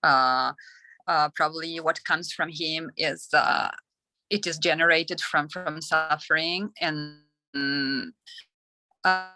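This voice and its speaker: A woman in a meditation class, sharing a personal reflection in a hesitant, halting way. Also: sits low, fairly even intonation, bright, forceful tone, no room sound, poor audio. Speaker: class participant. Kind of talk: sharing in a group discussion.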